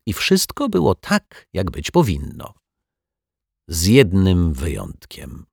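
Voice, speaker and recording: A man reads a children's story aloud with lively, expressive swings in his delivery. His voice is deep and husky, and the recording is dry and close, with no room around it. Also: takes it slowly, no echo. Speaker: audiobook narrator.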